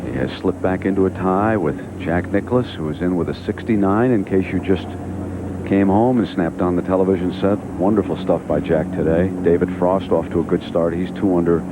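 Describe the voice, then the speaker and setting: A man's voice: low voice, steady tone, brisk. A man anchoring live television golf commentary as a golf commentator, calling the play outdoors. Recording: noisy outdoor golf broadcast.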